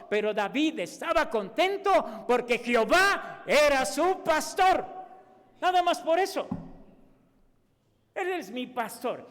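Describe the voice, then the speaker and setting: A man with a Mexican accent preaching a sermon as pastor, animated and acting out the voices he quotes. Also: extremely high pitch. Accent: Mexican Spanish. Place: church. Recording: long reverb of a church hall.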